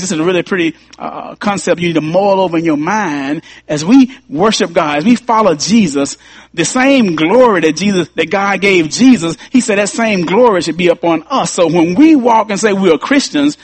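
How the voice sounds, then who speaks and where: A man's voice: high voice, lively intonation, moderate pace, slightly rough, no room sound. A man preaching a sermon as pastor, repeating key lines and rising to emphatic peaks.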